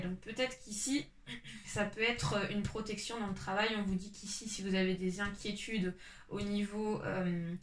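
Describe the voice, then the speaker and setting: A woman with a congested, stuffy nose from a cold gives a casual tarot reading to viewers, speaking haltingly and repeating her phrases. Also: medium pitch, fairly bright tone. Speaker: tarot reader. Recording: roomy echo, distant mic, light noise.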